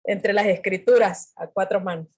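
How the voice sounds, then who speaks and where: A woman's voice: medium pitch, steady tone, normal speed, darkish tone, breathy edge. A woman interviewing a guest, asking questions hesitantly as she searches for her words. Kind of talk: conversational interview.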